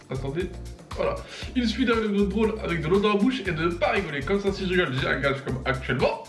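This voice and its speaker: A young man hosting a reaction video, reading captions aloud and joking about them with lots of laughter. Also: high-pitched. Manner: animated, laughs often, reads captions aloud then mocks them. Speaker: YouTuber host. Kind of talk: casual reaction commentary. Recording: echoey room.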